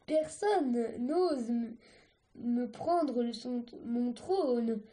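A woman's voice: fairly high pitch, extremely slow, dark tone. A woman voicing a young dragon girl who plays a pompous queen, in a sing-song manner.

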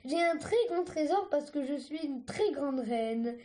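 A woman's voice: high voice, expressive, a little slow, mellow. A woman voicing a young dragon girl who plays a pompous queen, in a sing-song manner.

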